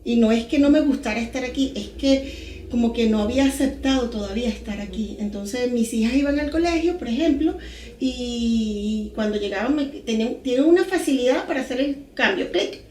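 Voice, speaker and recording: A Venezuelan woman in her forties, a podcast guest telling her story in a lively, animated way with little sound words. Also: fairly high pitch, moderate pace, echoey room, a little hiss or hum. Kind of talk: casual podcast interview.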